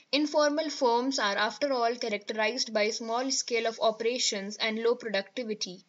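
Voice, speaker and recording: A woman with an Indian English accent reads a newspaper article aloud for exam students, then explains it. Her voice sits fairly high. The audio is slightly dull and lo-fi. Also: a bit bright. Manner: reads steadily, with fillers and self-corrections. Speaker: teacher.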